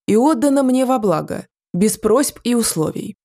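A woman's voice: a little high, lively intonation, mellow, dry recording, studio quality, pitched above the performer's own voice. A woman voicing an ancient male ash tree spirit with a rustling, sneering voice, in an audiobook. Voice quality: rustling, wind-like whisper. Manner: sly, sneering, drawn-out.

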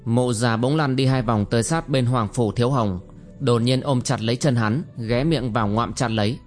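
A man narrating a martial arts novel as an audiobook, in a measured storytelling manner. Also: medium pitch. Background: faint music.

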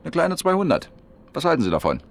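In a German radio play, an actor voices a chatty, down-to-earth washing-machine repairman who loves billiards, sounding colloquial, jovial, blunt and probing. His voice sits a little high and swoops wildly in pitch, delivered fast, creaky and exaggerated, with a faint hiss or hum.

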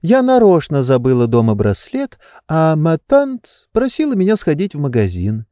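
A man's voice: on the high side, huge pitch swings, normal speed, warm tone, no echo, studio quality, voice pushed up. A man reading an audiobook, voicing a playful, teasing young woman with a capricious manner.

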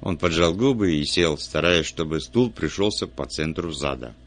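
A man reading a detective novel aloud as narrator, measured and even, giving the characters light voices of their own. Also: a bass voice. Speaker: audiobook narrator.

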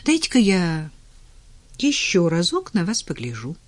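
A reader voicing a woman cardiologist who briskly reassures a frightened patient. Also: mid-range voice, huge pitch swings, no echo. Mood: calm. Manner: briskly cheerful, brushing off fears.

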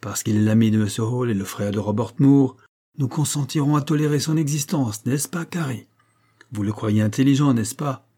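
Un homme qui lit une jeune femme fière, vive et ironique, dans un livre audio. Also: male voice, mid-range voice, normal speed, dark tone, natural voice. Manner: ironique, railleuse.

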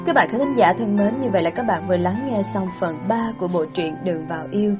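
A woman narrates an audiobook in a steady, even storytelling voice. Her pitch sits in the middle of the usual range for a woman, and faint music plays behind her. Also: fast talker. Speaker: storyteller, channel host.

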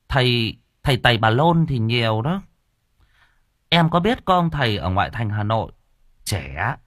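A man's voice: medium pitch, fairly bright tone, no echo, studio quality, pitched above the performer's own voice. A man voicing a gossipy older woman who runs a tea stall, chatting and giving advice in a confiding way.

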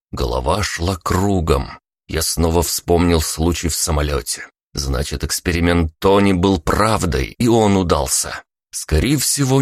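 A man narrating a first-person story in an even storytelling delivery. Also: low-pitched, no room sound, studio quality.

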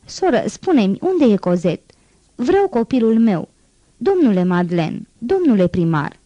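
A woman's voice: on the high side, sing-song, mellow, no room sound, muffled recording, pitched above the performer's own voice. A woman reading an audiobook voices a desperate, sick young mother who pleads frantically. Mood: frantic.

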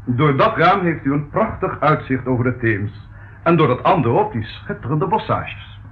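In a Dutch radio play, an actor portrays a fussy male estate agent who is easily scandalised, rattling off formal, pompous, effusively salesy patter. His voice is on the high side and very animated, at a moderate pace. The old recording is muffled with faint noise.

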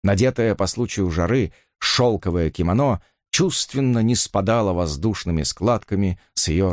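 A man narrating an audiobook in an expressive, measured reading. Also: lowish voice, no echo, clean studio sound.

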